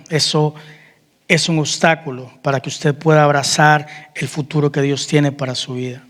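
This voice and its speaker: High-voiced pastor preaching in a hall. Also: male voice, fairly bright tone. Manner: preaching with questions to the congregation, calling out amen. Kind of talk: sermon. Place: church hall.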